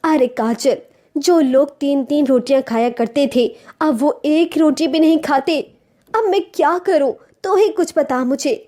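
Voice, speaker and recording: A woman's voice: high voice, a little slow, warm tone. A woman voicing an earnest, anxious young wife in a cartoon story. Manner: earnest, pleading.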